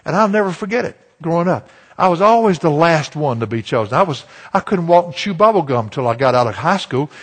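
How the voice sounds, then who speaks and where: Husky preacher man, folksy. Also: on the high side, big pitch swings, fairly quick. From Virginia, USA. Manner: folksy storytelling preacher, self-deprecating humor. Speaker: pastor. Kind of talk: sermon.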